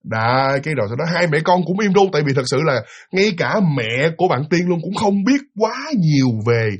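A man's voice: fairly high pitch, a little fast. A man with a Southern Vietnamese accent telling a ghost story, speaking directly to his listeners. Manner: lively, addresses listeners directly, breathy voice.

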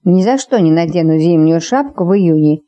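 Woman reading a story out loud, warm mellow tone, lively delivery, bounces pitch around for characters. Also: normal speed, muffled recording. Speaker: audiobook narrator. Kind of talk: audiobook narration.

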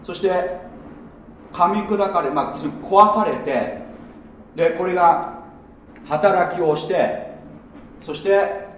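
A man's voice: high-pitched, takes it slowly, pauses often, fairly bright tone, a little hiss or hum. A man teaching a church gathering in a chatty, casual sermon style with many fillers and asides. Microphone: no microphone, speaking in natural voice. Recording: very echoey room, voice from far off.

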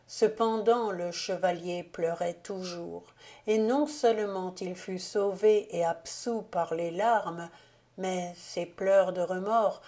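Slow, low-voiced woman reading aloud. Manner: measured, calm reading. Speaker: audiobook reader. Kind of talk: audiobook narration of a classic novel.

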